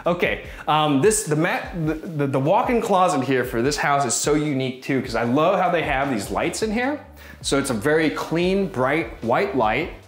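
A man's voice: on the high side, lively intonation, normal speed. A man in his thirties giving a casual walk-through home tour as a gushing, admiring real estate agent. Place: inside rooms of a modern house, briefly on its balcony.

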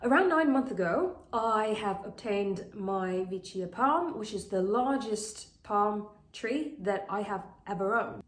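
A medium-pitched woman runs a houseplant channel and is doing a casual, talk-to-camera product review from her bright living room full of plants. Her voice hasn't fully recovered from being sick. She's chatty and earnest, with plenty of fillers, and the recording has the echo of a spacious home room.

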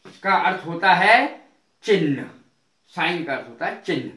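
A man teaching an English lesson, speaking deliberately and spelling words out letter by letter. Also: fairly high pitch, animated, sharp tone, echoey room. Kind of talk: spoken language lesson.

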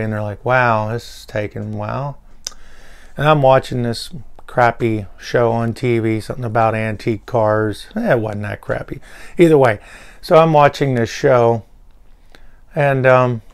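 A man's voice: medium pitch, clear, resonant tone. A man casually telling a personal story to camera, rambling with fillers and restarts. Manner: animated when quoting people. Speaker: vlogger.

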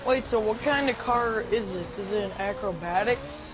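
A man's voice: high voice, animated, normal speed, over music. A young man in a casual game chat who asks lots of questions and cracks dry jokes. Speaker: gamer in a party chat.

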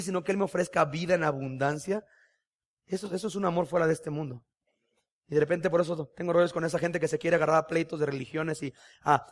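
A man with a Mexican Spanish accent delivering a sermon in a high, ringing voice. He preaches with passion but keeps it conversational, peppering his talk with rhetorical questions. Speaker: pastor.

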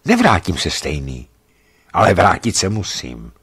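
A man's voice: low-pitched, huge pitch swings, a bit bright, breathy edge, pitched below the performer's own voice, full character voice. A man reading an earnest, serious naval officer in love. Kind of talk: audiobook reading.

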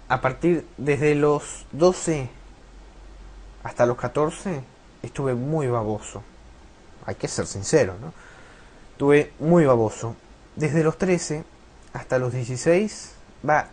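A man's voice: mid-range voice, darkish tone. Rambling, foul-mouthed Rioplatense teen boy. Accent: Rioplatense Spanish. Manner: rambling, swears a lot. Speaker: gameplay commentator. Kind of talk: rambling let's-play chat. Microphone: loose desk mic that keeps slipping.

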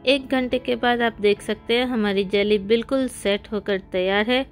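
A woman hosts a cooking video and narrates each recipe step in a friendly, guiding voice-over. Her voice sits fairly high. Faint background music plays under her. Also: fairly even intonation, moderate pace. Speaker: cooking channel host.

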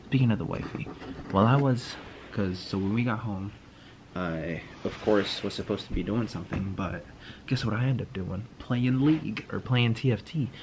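With a lowish voice and a moderate pace, a young adult vlogger gives a laid-back, slangy, rambling recap of his day. He's recording in a small indoor walk-in closet on a phone camera held close to his face, and there's background noise.

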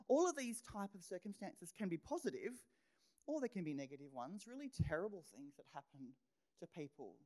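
A middle-aged woman pastor, her voice on the low side, preaches with lots of animation. She acts out her own thoughts and slips into whispered asides.

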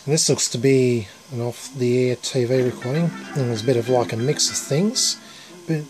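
An Australian YouTube vlogger chats casually and eagerly while filming, his delivery halting, in a medium-pitched voice with a steady tone. He holds a handheld camera in a dim, cluttered room at home, where a TV playing an old tape chatters behind him. Music also sits under his voice, and the audio quality is poor.

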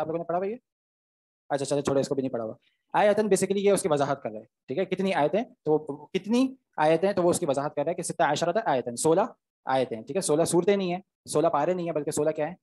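A man teaching Arabic grammar in an online class. His voice sits fairly high, and he explains patiently, step by step, stopping often to check that his students follow. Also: darkish tone.

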